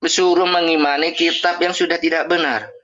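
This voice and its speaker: A man's voice: fairly high pitch, steady tone, moderate pace, fairly bright tone, dull audio. A man with an Indonesian accent arguing his side in a heated debate, often cutting in. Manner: argumentative, interrupts.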